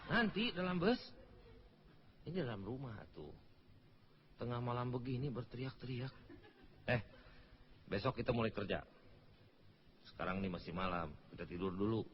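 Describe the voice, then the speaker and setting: A man's voice: medium pitch, animated, normal speed, long pauses, muffled recording, slight background noise. A Sundanese man performing a comedy sketch, scolding his partner with exasperation and laughter.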